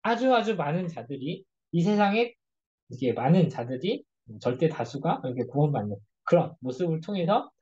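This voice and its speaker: A church youth group leader gives a relaxed Bible study lecture, telling stories with animation and acting out the lines he quotes. His voice is mid-range and husky, at a normal pace, and the audio sounds dull.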